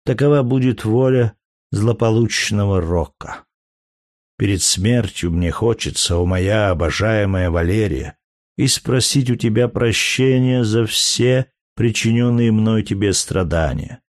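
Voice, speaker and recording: A man's voice: fairly low pitch, measured pace, no room sound, studio quality, close to an everyday voice. A man reading as a doomed noble warrior. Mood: solemn farewell. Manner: solemn, mournful. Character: doomed male gladiator leader, noble, farewell. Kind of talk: reading a letter in an audiobook.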